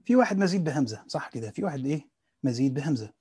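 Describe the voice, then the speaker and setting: A man with an Egyptian accent teaching a relaxed study lesson, asking himself questions and answering them, mixing colloquial and classical speech. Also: a little high, very fast, slightly rough. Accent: Egyptian Arabic. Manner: mixes dialect with classical Arabic, rephrasing as he goes. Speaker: teacher reading and explaining a classical Quran commentary.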